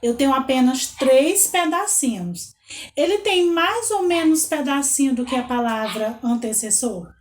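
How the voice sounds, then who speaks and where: A woman with a Brazilian Portuguese accent teaching young children, slowly spelling out letters and counting aloud. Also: high voice, lively intonation, reverberant. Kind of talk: children's lesson.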